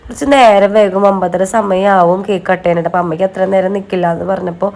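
A woman gives casual vlog narration at a very fast clip. Her voice sits at a medium pitch, and she mixes English words into her Malayalam. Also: flat delivery, a little mellow. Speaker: family vlogger.

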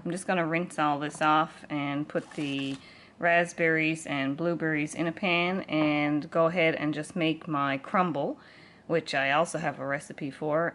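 With a deep, slightly bright voice, a middle-aged woman talks her way through a homesteading kitchen vlog, explaining each step plainly and casually. She records in her own kitchen on a handheld camera, and a little background noise can be heard.

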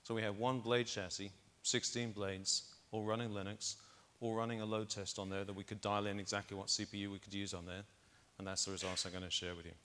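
A middle-aged man speaks from a big conference stage through a lapel mic. His voice sits on the low side, and he explains his test results patiently, point by point. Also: level tone, fairly quick, hardly any pauses, sharp tone. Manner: explanatory, walks through data step by step. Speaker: keynote speaker. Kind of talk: conference keynote presentation.

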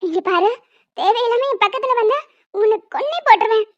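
A woman's voice: very high-pitched, a little fast. A woman voicing a young female dance teacher in a cartoon, earnest and pleading yet defiant. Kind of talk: cartoon voice dubbing. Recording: dull lo-fi.

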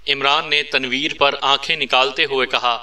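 Guy reading a story out loud, steady pace, super bright voice, mic kinda far. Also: mid-range voice, moderate pace. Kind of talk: novel read aloud. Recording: distant mic.

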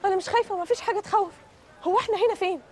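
Young Egyptian woman, frantic and pleading, very high and fast, rattled, with faint music underneath. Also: darkish tone. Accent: Egyptian Arabic. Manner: pleading, rattled, quick to snap back. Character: frantic young woman searching for her lost little brother.

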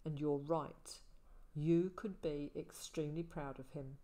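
A woman reading the part of a calm older male ranger, speaking quietly and soberly. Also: sits low, a little slow, voice pushed down. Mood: gentle.

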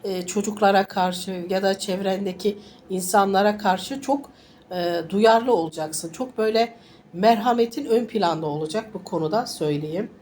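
Congested woman giving a halting fortune reading. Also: mid-range voice, a little mellow, slight background noise. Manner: halting, reassuring, repeats phrases. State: congested with a summer flu, sniffly. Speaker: fortune teller. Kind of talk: informal coffee-cup style fortune reading to viewers.

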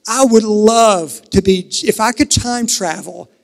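A man from Kentucky preaching a sermon at a pulpit microphone, earnest, shifting between emphatic and hushed. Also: high-pitched, takes it slowly, vocal fry. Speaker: pastor. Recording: reverberant sanctuary, pulpit mic.

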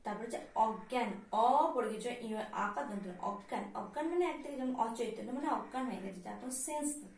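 A woman teaching a primary school class in Bengali, with a West Bengal accent. She talks slowly and patiently, spelling each word out letter by letter and often asking the children if they follow. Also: fairly high pitch, creaky. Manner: slow, patient, spelling words out letter by letter and often checking "all right?". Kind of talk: recorded class lesson. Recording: echoey room, voice from a distance.

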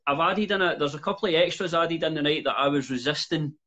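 A man's voice: on the high side, fast talker, a bit bright. A young man interviewing a fighter over a video call, easygoing and laughing along. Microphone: video call with earphones. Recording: dull lo-fi call audio.

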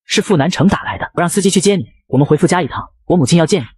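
A man playing a cold, teasing young male tycoon in a comic narration, speaking low. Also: very fast, darkish tone, breathy edge, no room sound, clean studio sound. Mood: cool.

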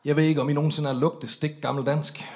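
A man's voice: fairly high pitch, level tone, darkish tone, slight background noise. A man performing a stand-up story on stage, swearing freely and acting out the drunk voices of the people in it. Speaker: comedian telling a story on stage.

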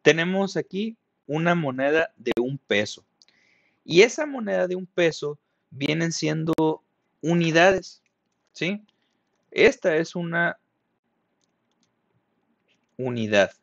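A man's voice: a little high, lively intonation, takes it slowly, gravelly, long pauses, no echo, dull audio. A male teacher, patiently explaining a math lesson to young pupils, often checking if they follow. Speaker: primary school teacher. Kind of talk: recorded math lesson for children.

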